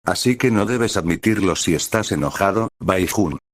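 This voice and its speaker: A man's voice: sits low, animated, normal speed, no echo, studio quality. A man playing a doting young husband who speaks earnestly and coaxingly, in a storybook reading.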